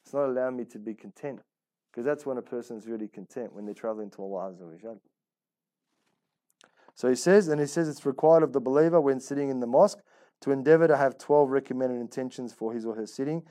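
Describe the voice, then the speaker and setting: A warm, mid-range male voice, quick in pace, belongs to an Islamic teacher giving a religious class. He speaks colloquially in a conversational sermon, relying on rhetorical questions, repetition and Arabic religious phrases, and voices imagined inner thoughts.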